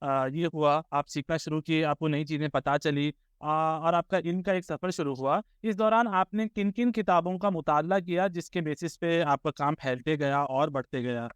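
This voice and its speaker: A man's voice: on the high side, few pauses, smooth, no room sound. A man hosting a podcast, asking polite questions with many hesitant fillers. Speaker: podcast host, interviewer. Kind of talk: interview questions.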